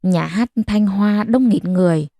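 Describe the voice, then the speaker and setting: A woman calmly reading a long bedtime story aloud as narrator. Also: medium pitch, unhurried, dry recording, studio quality. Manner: calm, even storytelling.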